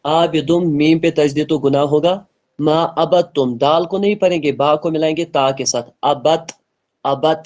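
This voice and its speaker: A man's voice: on the high side, fairly even intonation, a little mellow, lo-fi sound. Earnest man teaching Quran recitation. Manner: earnest, repeats points and models slow melodic recitation. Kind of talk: online tajweed lesson, explaining and slowly reciting.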